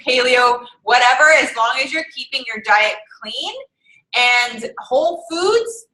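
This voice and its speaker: A woman's voice: high voice, pushed and bright, roomy sound, low-quality recording. A young woman coaching an online fitness group, chatty and encouraging as she works through calorie numbers aloud.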